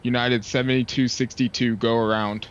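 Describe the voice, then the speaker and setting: A man acting as a pilot, reading back air traffic clearances in clipped radio phraseology through a cockpit headset mic. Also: mid-range voice, little pitch movement, normal speed. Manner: clipped, formal call sign readbacks. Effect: pilot speaking over a cockpit headset mic. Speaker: sim pilot talking to online air traffic control. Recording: dull lo-fi headset mic, faint hiss.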